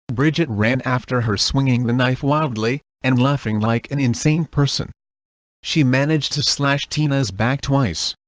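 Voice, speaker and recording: A man reading a crude comic horror story aloud in a flat, deadpan storytelling manner. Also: medium pitch, no echo, clean studio sound. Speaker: narrator.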